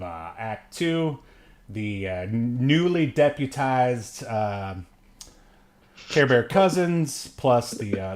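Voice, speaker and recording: This medium-pitched, slightly mellow male voice belongs to a podcast co-host who reviews films. His movie recap is loose and funny, wandering from joke to joke as he chuckles often.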